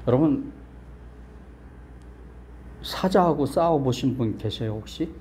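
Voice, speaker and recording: A man's voice: medium pitch, animated, takes it slowly, dark tone, slight background noise. A male pastor preaching a sermon in a small church, quizzing the congregation and joking with them, then building to emphatic, insistent peaks. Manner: asks the congregation questions and jokes with them.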